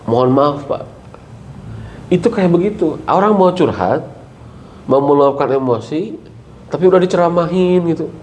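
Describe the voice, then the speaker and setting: Animated Sundanese-accented man preaching. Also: moderate pace, long pauses. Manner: animated, leaps high in pitch for emphasis, asks the audience questions. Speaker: Islamic parenting speaker. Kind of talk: lively religious study talk.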